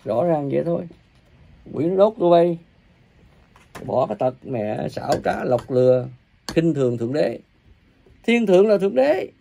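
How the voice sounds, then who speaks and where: Gravelly man ranting a scolding sermon. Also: very animated, moderate pace, long pauses. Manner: scolding and cursing, coarse insults; uneven volume, bursts loud then drops low. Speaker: self-proclaimed religious preacher.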